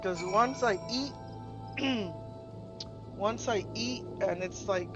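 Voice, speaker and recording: A stuffed, sleepy game streamer chats casually with the stream, rambling and drawling. The talk comes out very slowly. Game music plays clearly in the background. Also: mid-range voice. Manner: drawling, rambling, laughing often. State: stuffed and sleepy after eating. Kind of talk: casual live-stream chat.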